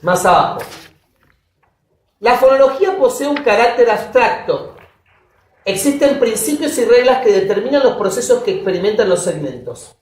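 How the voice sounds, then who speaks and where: A woman giving a university lecture, often checking that her students follow with quick questions. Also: on the high side, lively intonation, a little hiss or hum. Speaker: linguistics lecturer. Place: classroom. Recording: roomy classroom audio from a distance.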